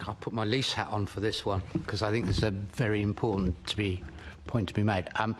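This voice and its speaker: Deep, flat-voiced man testifying. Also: a little hiss or hum. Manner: measured, with hesitant fillers. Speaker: expert witness at a committee. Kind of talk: formal committee testimony.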